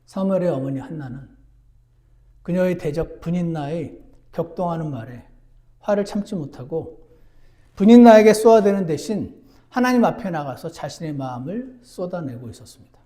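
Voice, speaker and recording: A man preaching a sermon as pastor, earnest, moving between emphatic lines and hushed ones. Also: on the high side, animated, moderate pace, long pauses. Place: church.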